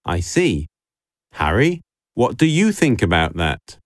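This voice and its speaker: A smooth radio host, played by a man, welcomes callers with a lively, rising and falling voice. The sound is dry and close, with no room around it. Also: fairly low pitch, takes it slowly, no room sound. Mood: friendly. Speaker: radio call-in show host. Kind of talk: scripted educational dialogue.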